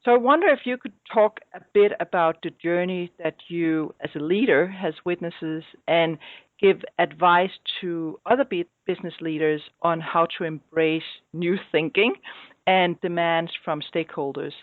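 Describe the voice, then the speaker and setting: A woman's voice: fairly low pitch, normal speed, dry recording. Woman host on a tinny line. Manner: formal, reads prepared questions. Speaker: podcast host. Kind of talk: interview questions. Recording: dry, tinny phone-like sound.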